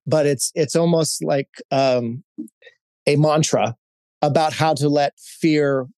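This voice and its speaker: This corporate executive, raised in Hawaii and in his fifties, gives frank, story-driven answers as an interview guest, peppered with fillers and restarts. His voice is a little high and a little mellow, the pace slow, with no echo.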